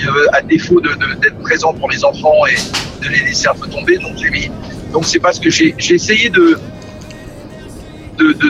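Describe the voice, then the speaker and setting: A middle-aged man speaks as a guest about his work, his voice a little high and full of rises and falls. He hesitates and restarts constantly. Music plays clearly beneath him. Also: poor audio. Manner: hesitant, repeats words and restarts often. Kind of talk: relaxed interview talk. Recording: music playing behind the voice.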